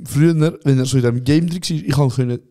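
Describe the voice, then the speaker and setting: A man's voice: mid-range voice, fast talker. A young man with a Swiss German accent, co-hosting a casual podcast and acting out scenes while teasing his friend. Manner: lively, acts out scenes and voices, teasing. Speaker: podcast co-host. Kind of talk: casual chat.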